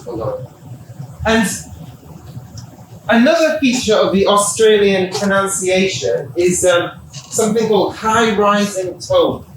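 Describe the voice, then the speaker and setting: A middle-aged man lectures a class in an unhurried, good-humoured way, talking through examples. His voice sits fairly high, and he sounds some way from the mic. The room adds a noticeable echo and a faint hum of ambience. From England. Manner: relaxed, explains with examples, laughs at himself. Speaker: university lecturer. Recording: echoey room, distant mic.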